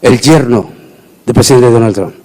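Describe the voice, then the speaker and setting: A middle-aged man, preaching a sermon emphatically and rising into shouted proclamations. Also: mid-range voice, normal speed.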